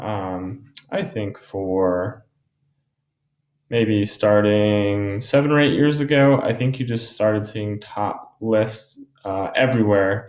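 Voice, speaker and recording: Male teacher, low voice, relaxed screen-recording walkthrough, echoey room. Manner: casual, thinking aloud with many ums. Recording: roomy echo.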